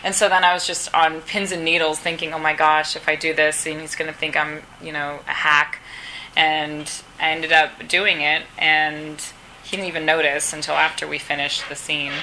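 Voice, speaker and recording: A woman's voice: deep voice, sharp tone, slight background noise, rough recording. A woman, an actress, answering questions at a press round table in a casual, chatty way, acting out quoted dialogue as she tells stories.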